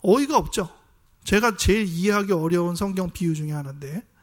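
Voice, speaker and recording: A man preaching a sermon as pastor, explaining in a conversational way and asking the congregation rhetorical questions. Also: sits high.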